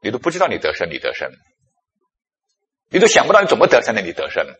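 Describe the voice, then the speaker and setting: A male preacher speaking with a breathy, husky voice, his pitch leaping up and down as he acts out scenes from his own past. The sermon rings out in a large hall with long reverb trailing each phrase. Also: fast. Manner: animated storytelling, acting out his own past self. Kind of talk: sermon with personal stories.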